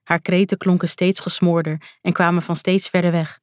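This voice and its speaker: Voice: medium pitch, little pitch movement, normal speed, no room sound. An audiobook narrator telling a first-person fantasy story in a tense, dramatic way. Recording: dry, close studio sound.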